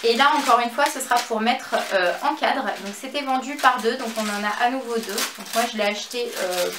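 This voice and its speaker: French youtuber lady doing a haul, kinda high voice, lots of euh, roomy echo. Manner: chatty, many fillers, slow over items. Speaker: beauty and fashion YouTuber. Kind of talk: casual haul vlog. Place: home office and makeup room. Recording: echoey room, faint background noise.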